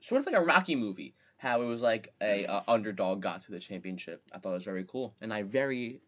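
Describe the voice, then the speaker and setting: Lively young man, dull lo-fi sound. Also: fairly low pitch, fast. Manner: animated, reads movie titles off a list. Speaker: podcast co-host. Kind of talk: casual chat about movies.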